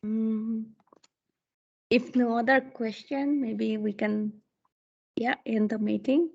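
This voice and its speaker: Homeroom teacher, woman, higher pitched, calm and accommodating, dull video call sound. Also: slow pace, vocal fry, breathy edge. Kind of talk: online parent meeting.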